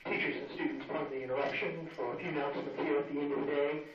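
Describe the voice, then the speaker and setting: A man reading end-of-day announcements over a school intercom, halting with frequent fillers. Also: fairly high pitch, fairly even intonation, highs cut off, a crowd in the background. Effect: school intercom loudspeaker. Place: classroom, heard through a wall speaker. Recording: distant echoey loudspeaker over a noisy classroom.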